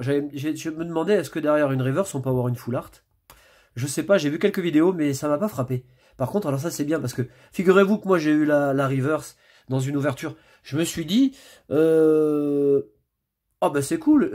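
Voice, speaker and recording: A YouTuber opens trading card packs, chatting casually and muttering card names as he flips through them. His voice is slightly high with a darkish tone.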